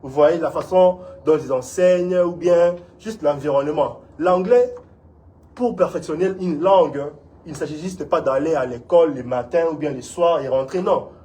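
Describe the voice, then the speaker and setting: A man's voice: on the high side, moderate pace, dark tone. A man from Congo, an instructor giving an earnest, encouraging community talk in an interview. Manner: earnest, encouraging, often asks "vous voyez?".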